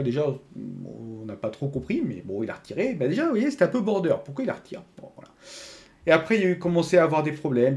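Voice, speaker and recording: A man's voice: medium pitch, darkish tone. A man explaining to his viewers in a casual, conversational way, with frequent fillers and restarts. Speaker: crypto YouTuber. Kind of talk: casual explanatory talk to camera.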